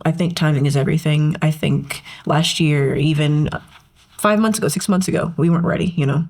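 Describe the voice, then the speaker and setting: A woman's voice: low voice, a little fast, darkish tone. A young woman co-hosting a podcast, speaking earnestly and upbeat in casual chat, often adding "you know". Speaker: co-host.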